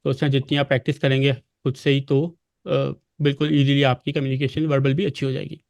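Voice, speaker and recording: A man giving patient, repetitive advice on a live video call, pausing often with fillers. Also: mid-range voice, flat delivery, vocal fry, darkish tone, no echo. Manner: patient, repetitive instructional delivery with many fillers. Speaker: guest expert on freelancing. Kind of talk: live online session advice talk.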